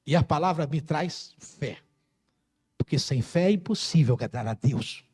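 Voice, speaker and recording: A middle-aged Brazilian pastor preaching a sermon with passion, rising to loud cries and dropping to quiet, close words. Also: male voice, on the high side, lively intonation, normal speed, slightly rough. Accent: Brazilian Portuguese. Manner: impassioned preaching, swings from loud to soft.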